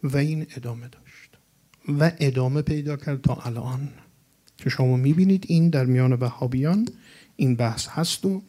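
A man preaching to a gathering, delivering a religious lecture in an emphatic way and reciting Arabic quotations. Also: medium pitch. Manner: emphatic, rising to animated peaks with Arabic quotations.

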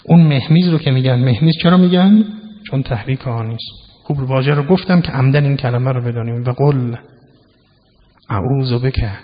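A man giving a sermon to an audience, explaining scripture word by word, swinging from loud emphasis to low asides. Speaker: religious lecturer. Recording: dull lo-fi recording in a reverberant hall.

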